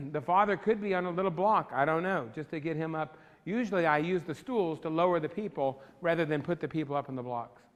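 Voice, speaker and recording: An enthusiastic man leads a photography workshop and keeps turning to his class with questions. His voice sits a little high for a man. The sound rings with the long reverb of a big studio classroom. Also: brisk, hardly any pauses, muffled recording. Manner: enthusiastic, talks to the class directly. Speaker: photography instructor. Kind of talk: live workshop lecture. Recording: long reverb in a large room.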